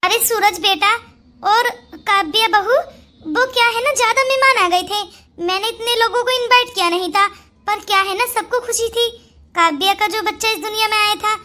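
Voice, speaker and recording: Someone voicing a sly bossy cartoon saas, super high and bright, always plotting. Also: moderate pace. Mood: dismissive. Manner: scolding, plotting. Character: scheming older mother-in-law, bossy and sly. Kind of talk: Hindi cartoon voice acting.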